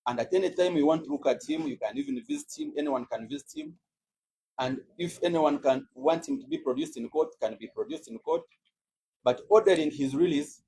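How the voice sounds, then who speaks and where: A man serving as state counsel, making a measured, deliberate formal submission in court. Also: on the high side, creaky, warm tone, a little hiss or hum, low-quality recording. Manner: measured, deliberate legal oratory.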